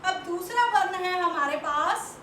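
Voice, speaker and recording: Slow, bright-voiced woman teaching children letters. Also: extremely high pitch, expressive. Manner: slow, patient, asks questions and answers them herself; sounds out letters and stretches syllables. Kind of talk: Hindi lesson for young children. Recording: echoey room with faint background noise.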